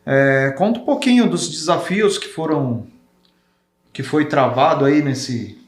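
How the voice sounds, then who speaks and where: A man's voice: a little high, expressive, a little slow. A man hosting a podcast, asking hesitant questions full of fillers. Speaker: podcast host. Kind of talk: interview questions. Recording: roomy echo.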